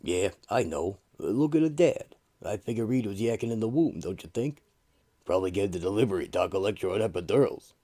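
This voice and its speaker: Man doing a deep folksy tough-guy uncle. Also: animated, brisk, mellow. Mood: joking. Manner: folksy, slangy, plainspoken. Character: gruff warm-hearted uncle, rough-hewn working-class tough guy. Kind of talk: dramatic comic-book radio play.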